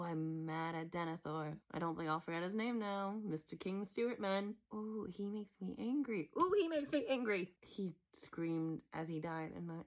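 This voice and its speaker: A young American woman hosting a movie reaction, rambling casually, swearing and sometimes dropping to a whisper. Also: medium pitch. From United States. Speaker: movie reaction channel host.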